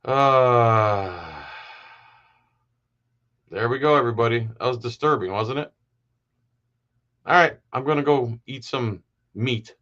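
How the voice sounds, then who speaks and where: A man's voice: medium pitch, slow pace, long pauses, a bit bright, dull audio. A man hosting a live stream, giving heated, sarcastic commentary in a casual way.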